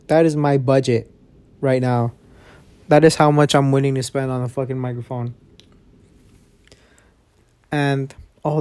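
A man hosts a casual solo podcast from beneath a blanket, recording on his phone, and the muffled audio carries his rambling, frustrated talk full of swearing. His voice leans high with a darkish tone.

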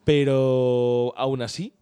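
A man hosting a casual podcast chat, animated and jokey with theatrical exclamations. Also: mid-range voice, extremely slow, smooth, no room sound. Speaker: podcast host.

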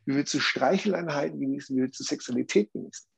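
A man's voice: on the high side, fast, vocal fry, breathy edge. A man explaining a view earnestly in conversation, often checking in with tag questions.

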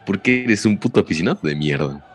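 A teenage boy with a Mexican Spanish accent, co-hosting a podcast in casual, argumentative banter, swearing a lot as his voice jumps high when heated. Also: expressive, fast. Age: teens. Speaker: podcast co-host.

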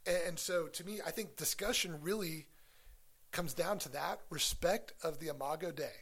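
Male co-host, creaky mid-high voice, earnest conversational discussion style. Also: normal speed, a bit bright. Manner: earnest, talks through ideas with restarts. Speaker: podcast co-host. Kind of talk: casual church discussion.

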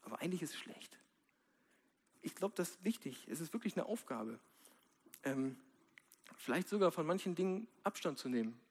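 A man giving a sermon in a casual, direct way, with slang and slow, quiet stresses. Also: on the high side, animated, breathy edge. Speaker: preacher.

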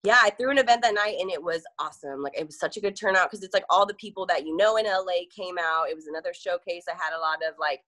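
A young woman talking as an interview guest, chatty and quick, with many fillers and frequent laughter. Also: fairly low pitch, bright, forceful tone. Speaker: event promoter, guest. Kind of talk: casual interview chat.

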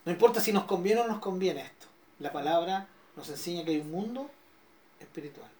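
A man's voice: high voice, expressive, a little fast, a little mellow. Chilean male pastor, bible study teaching, quizzes the group, keeps checking they follow, middle-aged. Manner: questioning, checks in with listeners often.

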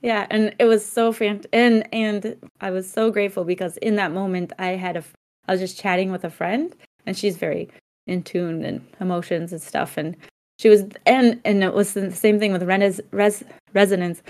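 A woman co-hosting a podcast, sharing a personal story in a reflective, searching way. She restarts her sentences often and laughs softly between her thoughts. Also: mid-range voice, fairly even intonation, normal speed. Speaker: podcast co-host. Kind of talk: casual conversation.

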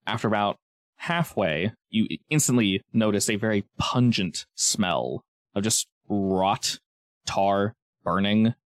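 A man running a tabletop game, improvising casual, descriptive narration and pausing to search for words. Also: fairly low pitch, no echo, studio quality. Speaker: game master.

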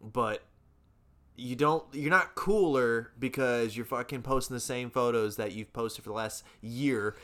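A man's voice: mid-range voice, a little slow, fairly bright tone. A man in casual podcast chat, ranting with heat and plenty of swearing, often stumbling over repeated words as he restarts sentences. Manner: profane, heated ranting.

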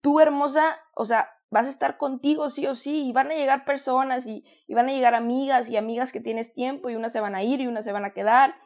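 A woman's voice: sits high, fairly even intonation, a little fast, hardly any pauses, dull audio. A woman with a Mexican accent giving a motivational self-love talk, affectionate and conversational, often repeating and restarting phrases. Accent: Mexican Spanish. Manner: warm, affectionate, addresses listener as "hermosa".

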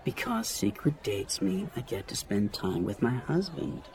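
A man's voice: mid-range voice, sing-song, measured pace, background noise. A man voicing a playful young woman in an audiobook, reading her lines with a light, teasing manner.

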